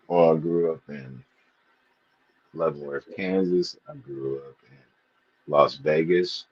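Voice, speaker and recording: With a rumbling low, husky voice, a Missouri man speaks slowly and steadily during a casual live panel chat. He is a loose, profane storyteller who rambles, captured on dull lo-fi stream audio.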